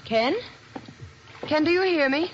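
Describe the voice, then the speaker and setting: A woman's voice: high-pitched, lively intonation, measured pace. An actress playing a cold, scheming lady doctor in an old radio drama, poised and theatrical. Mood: urgent. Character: cold, scheming female doctor turned villain. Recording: noisy, muffled vintage radio recording.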